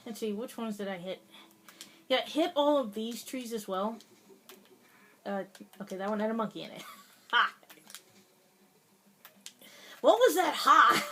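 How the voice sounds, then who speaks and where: A woman's voice: a little high, animated, a little slow, pauses often, a bit bright, a little hiss or hum. A woman giving casual, chatty commentary over her gameplay, laughing often and hesitating with many fillers. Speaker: gaming video host.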